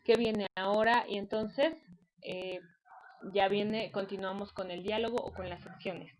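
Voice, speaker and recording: A woman's voice: mid-range voice, fairly even intonation, measured pace, a little hiss or hum, low-quality recording. A woman teacher, giving an online class lecture in a patient, explanatory way with frequent fillers.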